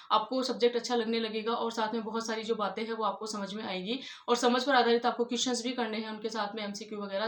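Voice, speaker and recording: A woman's voice: fairly high pitch, echoey room. A woman giving earnest, repetitive study advice to exam candidates, often saying she would like to tell them something. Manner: earnest, repeats "I'd like to tell you". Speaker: exam-prep tutor. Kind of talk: casual advice talk.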